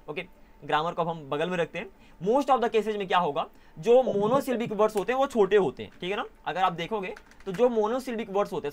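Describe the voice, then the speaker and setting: A young man teaching an online English class in a casual way, often pausing to correct himself. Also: sits high. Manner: casual, self-correcting, mixes Hindi and English.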